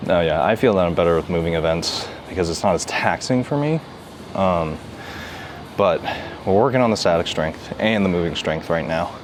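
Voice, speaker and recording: Low voiced dude rambling between sets at the gym, loads of background noise. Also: male voice. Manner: rambling, laid-back, says "dude" often. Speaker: vlogger. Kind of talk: casual workout vlog chat. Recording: noisy gym ambience.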